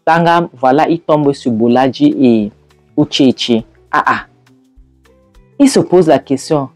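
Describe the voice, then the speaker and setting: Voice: medium pitch, takes it slowly, darkish tone, no room sound, faint music behind. A storyteller retelling a film scene by scene, hesitant with fillers. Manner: hesitant, with fillers and acted quotes.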